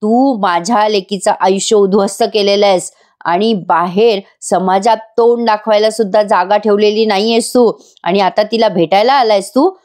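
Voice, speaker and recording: A woman's voice: mid-range voice, a little mellow, close to an everyday voice. A woman reading a stern, angry older father. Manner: stern, slow and cold.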